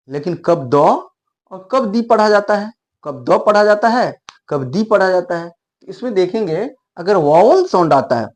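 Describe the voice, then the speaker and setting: A man with a Hindi accent teaching English pronunciation, repeating words slowly for his students. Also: sits high, darkish tone. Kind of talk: explaining lesson.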